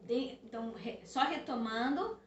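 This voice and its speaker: A woman's voice: on the high side, unhurried. A woman casually telling her side of a personal story, chatty and easily amused. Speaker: co-host, wife. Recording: roomy, distant from mic, faint hiss.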